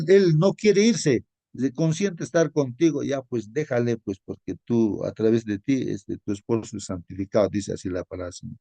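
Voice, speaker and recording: Gravelly man teaching in rambling style. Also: mid-range voice, mellow, no echo. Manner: rambling, with many fillers and tag questions. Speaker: Bible study leader. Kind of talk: informal Bible study teaching.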